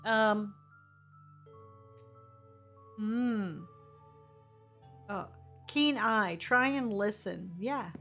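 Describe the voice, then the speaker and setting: A woman's voice: mid-range voice, drawn-out words, pauses often, fairly bright tone, faint music behind. A woman casually playing through a story game, reading text aloud and adding informal, playful asides. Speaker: streamer playing a narrative game.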